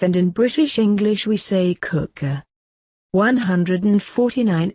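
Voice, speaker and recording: A man teaching English vocabulary, reading a numbered word list in a slow, even, repetitive way. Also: high-pitched, no echo. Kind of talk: slow scripted vocabulary lesson.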